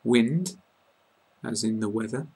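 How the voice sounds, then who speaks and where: A man with a British accent gives an English pronunciation lesson, saying words one at a time and carefully repeating them. His gravelly, slightly husky voice stays flat and even as he speaks slowly and deliberately like a patient tutor, and the recording is rough.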